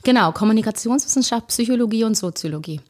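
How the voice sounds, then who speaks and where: A woman with a rough, raspy voice, hoarse from a cold, chatting casually as a podcast guest. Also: on the high side, animated, fast, a little mellow. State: hoarse after a bad cold. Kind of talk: casual conversation.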